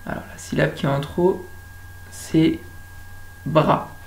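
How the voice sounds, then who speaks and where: A French woman runs a lesson for small children, drawing each word out slowly and deliberately. Her voice is lowish with a gravelly edge. A faint hum sits behind her. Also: fairly even intonation, poor audio. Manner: slow, deliberate, stretches out words for children. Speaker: kindergarten teacher.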